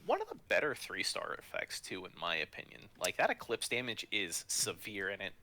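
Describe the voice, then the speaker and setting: A man's voice: low voice, huge pitch swings, fairly quick, pushed and bright, a little hiss or hum. A man co-casting a live esports match, analytical and explaining strategy in detail. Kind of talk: live game commentary.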